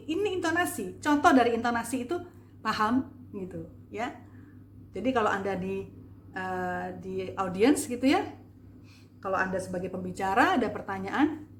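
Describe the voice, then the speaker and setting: Woman, mid-pitched, chatty demonstrative trainer; roomy recording with light background hiss. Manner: chatty, demonstrative, many filler "eh"s and "ya"s. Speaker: public speaking trainer. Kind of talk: casual video lesson. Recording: echoey room with faint ambience.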